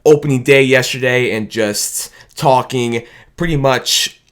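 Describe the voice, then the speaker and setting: A sports fan video host with a hoarse, rough, mid-range voice hypes up his team's win in a fan reaction vlog. He speaks at a measured pace, shouting and drawling out his cheers.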